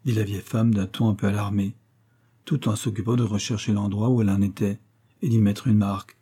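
A man narrating a classic novel aloud in a measured, even storytelling manner. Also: on the low side, breathy edge. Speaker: audiobook narrator.

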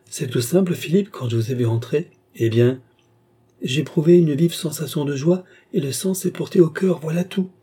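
A man's voice: a little high, moderate pace, warm tone, breathy edge, voice pushed up. A man voicing a frail, nervous young noblewoman in an audiobook, talking in a breathless, insistent way. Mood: protesting. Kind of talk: audiobook character reading.

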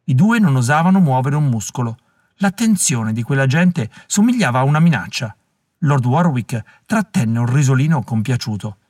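Expressive male audiobook narrator. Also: mid-range voice, normal speed, dry recording, studio quality. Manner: expressive, dramatic reading. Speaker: audiobook reader. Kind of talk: scripted narration.

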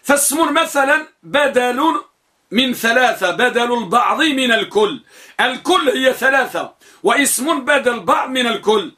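A man's voice: very high-pitched, animated, moderate pace, pushed and bright. A man teaching Arabic grammar, explaining step by step and posing questions he then answers himself. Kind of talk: classroom grammar lesson.

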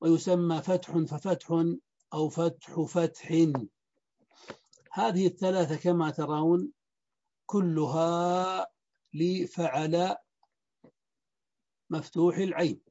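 A man teaching Arabic morphology in a lecture, speaking slowly and deliberately and repeating word patterns. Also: a little high, warm tone, dull audio. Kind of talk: lecture explaining a grammar book.

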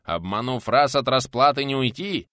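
A man's voice: medium pitch, moderate pace, pushed and bright, smooth, no room sound, clean studio sound, pitched above the performer's own voice, close to an everyday voice. Man playing Nikodim, a menacing medieval warrior.

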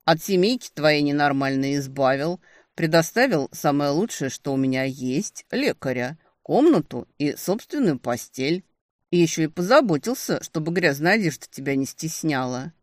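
A woman's voice: low-pitched, expressive, moderate pace, no echo. A woman playing a cocky, possessive male demon in an audiobook, in a mocking, smug tone close to her own voice. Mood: teasing.

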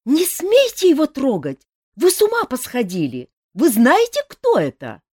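A woman voicing a fiery young female nymph dancer who scolds in a shrill voice. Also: huge pitch swings, measured pace, no echo, clean studio sound, heavily acted. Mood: indignant.

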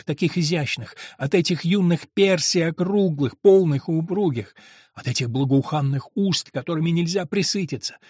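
A man reading a novel aloud, voicing a domineering, lustful monk who speaks slowly and coaxingly. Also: a little mellow, breathy edge, no echo, clean studio sound. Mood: impassioned. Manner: low, slow and coaxing.

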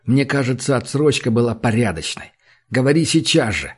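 A man voicing a desperate, furious young man who shouts and turns bitterly sarcastic. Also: mid-range voice, big pitch swings, moderate pace, slightly rough.

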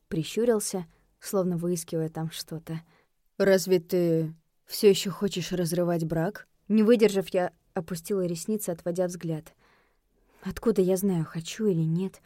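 A woman reading a first-person fantasy novel aloud, lively and expressive. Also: lowish voice, no echo, clean studio sound. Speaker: audiobook narrator.

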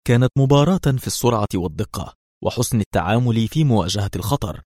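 Male audiobook narrator, low voice with lively pitch, dry close sound. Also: no room sound. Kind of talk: scripted narration.

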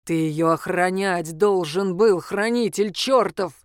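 A woman voicing a gruff, mocking male reaper who speaks curtly and drily. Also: on the low side, slow, dry recording. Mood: stern. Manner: dry, sarcastic, curt. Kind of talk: audiobook character voice.

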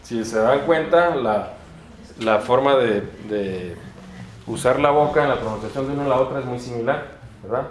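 A man's voice: medium pitch, moderate pace. A man with a Mexican Spanish accent teaching a pronunciation lesson in an auditorium, spelling out sounds one by one and asking the class questions. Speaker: Esperanto teacher. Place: large university auditorium. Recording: roomy auditorium echo, faint background noise.

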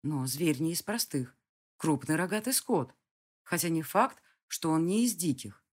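A narrator giving a lively, expressive first-person reading of a fantasy audiobook. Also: mid-range voice, unhurried, slightly rough.

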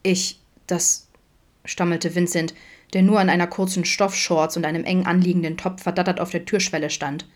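A woman reading a fan fiction audiobook aloud in a steady storytelling manner. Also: lowish voice, fairly quick. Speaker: audiobook reader.

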